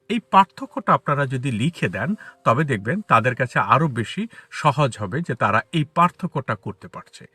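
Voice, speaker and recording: A man teaching English pronunciation to Bengali speakers, talking outdoors on a street and spelling out letters and sounds slowly. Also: medium pitch, bright, forceful tone, husky, dry recording. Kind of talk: spoken English lesson.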